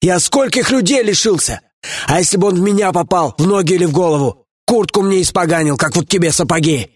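A man reading an audiobook, voicing a plump, crude gang chieftain who scolds and bullies his henchman in a gruff manner. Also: high-pitched, brisk, pitched above the performer's own voice. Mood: scolding. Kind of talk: audiobook character voice.

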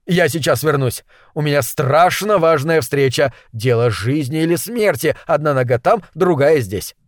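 A man reading a story aloud who voices an eager young man, pleading in an overexcited, rushed way. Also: fairly high pitch, animated, no echo, clean studio sound, close to an everyday voice. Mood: hurried. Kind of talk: audiobook character voice.

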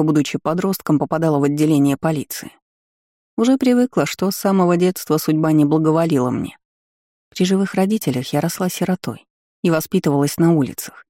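A man reading a first-person audiobook in measured, even storytelling. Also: fairly high pitch, no room sound, studio quality. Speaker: audiobook reader.

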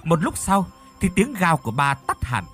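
A man's voice: fairly high pitch, sing-song, moderate pace, fairly bright tone, breathy edge, soft background music. A man narrating a horror audiobook expressively, voicing the characters as he reads. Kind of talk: dramatic horror story narration.

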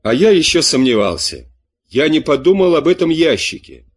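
A man voicing an anxious older farmer, crying out in agitation with a husky voice. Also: a little high, big pitch swings, normal speed, pitched above the performer's own voice. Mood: frantic. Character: anxious older male farmer, frantic and guilt-ridden.

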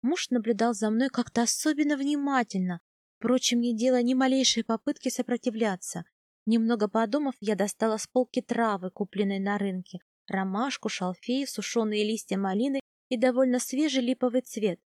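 A woman narrating a first-person audiobook in a calm, even storytelling manner. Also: a little high, normal speed, dry recording, clean studio sound.

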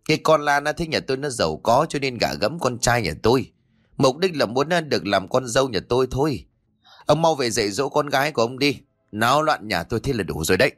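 A man's voice: medium pitch, animated, fast talker, a bit bright. A man voicing a rich, scheming old village patriarch who sneers smugly. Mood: scornful. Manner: sneering, smug.

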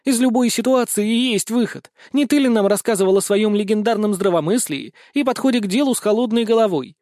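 A man's voice: high-pitched, fairly quick, darkish tone, no echo, clean studio sound, voice pushed up, close to an everyday voice. A man voicing an irritable young female cat goddess spirit who scolds and frets, in an audiobook. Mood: indignant. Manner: scolding, indignant, fretful. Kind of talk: audiobook character reading.

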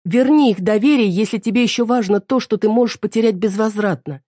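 A woman's voice: medium pitch, fairly quick, dry recording, studio quality, pitched above the performer's own voice, lightly acted. A woman voicing a wife who sharply scolds her unfaithful husband. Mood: reproachful. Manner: sharp, reproachful. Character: stern wife, angry and hurt at her husband.

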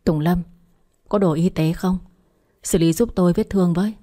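A woman voicing an irritable, indignant young man who snaps sharply, in a mellow, low voice. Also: fairly even intonation, normal speed, lightly acted. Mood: curt. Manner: sharp, scolding.

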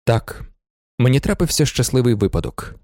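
A man voicing a reserved middle-aged merchant who speaks in a measured, curt, reassuring way in a storybook reading. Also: mid-range voice, animated, a little mellow, no room sound, clean studio sound, close to an everyday voice. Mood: calm. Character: calm, reserved male merchant of middle age.

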